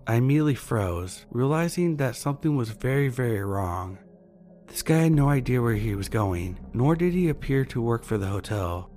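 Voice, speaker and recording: A man narrating a listener's true horror story in a measured, earnest way. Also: medium pitch, lively intonation, dark tone. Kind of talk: reading submitted true scary stories. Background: faint background music.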